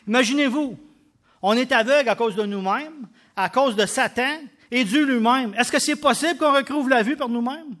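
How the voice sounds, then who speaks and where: A man with a Québécois French accent preaching a sermon, emphatic, with loud bursts and quiet drops. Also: extremely high pitch, normal speed. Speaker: pastor.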